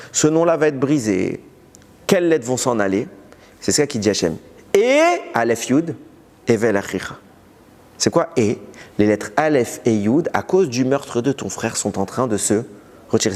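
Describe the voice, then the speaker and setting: A man, a rabbi, giving a recorded Torah lesson. He teaches in a lively way, posing questions and answering them himself. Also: mid-range voice, big-room sound.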